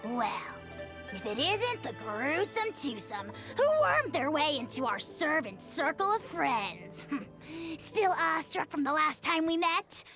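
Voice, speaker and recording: A woman's voice: high-pitched, heavily acted. A woman voicing a pompous tiny male dragon lord in a video game, grandiose and imperious with cackling laughs. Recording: game audio with loud music.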